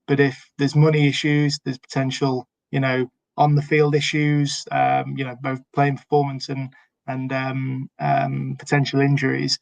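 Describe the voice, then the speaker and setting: A man's voice: mid-range voice, completely flat delivery, a little slow, vocal fry, dry recording. A man co-hosting a casual sports podcast chat, hesitant with many fillers and restarts. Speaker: podcast co-host.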